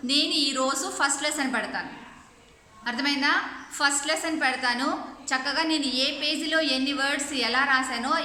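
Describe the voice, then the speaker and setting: The woman's voice is high-pitched and sharp, very echoey, with a little hiss or hum. She teaches English online, spelling each word out letter by letter with patient explanations, slipping English words into her instruction, and regularly asking the class whether they've understood.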